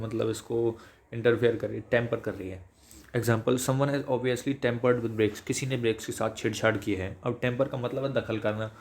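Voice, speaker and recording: A man teaching English vocabulary in a chatty lecture, switching between Hindi and English and slowing down to read English definitions. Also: mid-range voice, a little mellow. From India.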